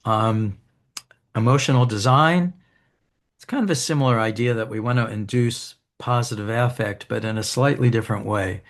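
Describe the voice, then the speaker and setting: Low gravelly-voiced man giving a lecture. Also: normal speed. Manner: relaxed, with frequent ums and restarts. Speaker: keynote speaker. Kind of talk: academic keynote lecture. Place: conference hall.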